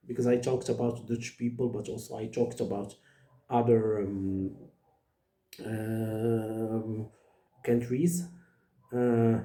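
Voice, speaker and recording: Earnest hesitant man, dark voice, echoey room. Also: mid-range voice. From Morocco. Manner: earnest, many hesitations and fillers. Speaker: vlogger. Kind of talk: direct-to-camera monologue.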